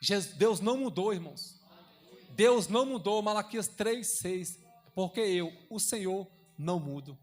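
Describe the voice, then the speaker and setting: A young man preaching a sermon as a deacon in a church, fervent and repetitive, swinging between loud passages and hushed ones. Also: high voice, lively intonation, unhurried.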